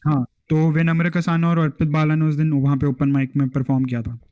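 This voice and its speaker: A young man with an Indian accent talks through his views on a podcast in an earnest, explanatory way. His voice sits a little high for a man. The recording is dry and close. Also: level tone, a little fast, warm tone, clean tone, no room sound. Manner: earnest, explains at length, mixes Hindi and English. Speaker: podcast host. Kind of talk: casual chat.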